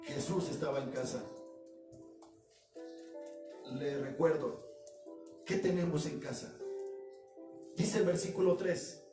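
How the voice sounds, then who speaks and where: A man's voice: fairly high pitch, unhurried. A man, a pastor delivering a sermon with emphatic, repetitive phrasing that speaks directly to his congregation. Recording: echoey room, distant mic, music behind.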